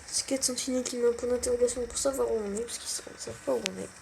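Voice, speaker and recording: A woman's voice: a little high, steady tone, rapid-fire, gravelly, darkish tone, a little hiss or hum. A young woman giving casual, self-mocking gameplay commentary, full of gamer slang. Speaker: gaming channel host.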